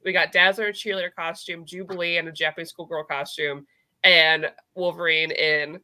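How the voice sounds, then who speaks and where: A woman with a bright, forward voice co-hosts a casual comic book chat. She is gushing and enthusiastic, and slips into quoting characters as she retells the story. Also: on the low side, level tone, brisk. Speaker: co-host of a comic book review show.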